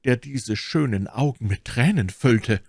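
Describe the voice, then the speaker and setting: A man's voice: medium pitch, a little slow, creaky, darkish tone, no echo, studio quality, voice pushed up. A man reading an audiobook, voicing a bold, passionate young swordsman with ardent declamation. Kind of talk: audiobook character voice.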